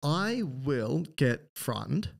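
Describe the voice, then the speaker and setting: A man's voice: medium pitch, sing-song, very slow, vocal fry. An Australian man co-hosting a medical podcast, explaining in a playful, casual way with vivid examples. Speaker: podcast co-host, doctor. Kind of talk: casual educational chat.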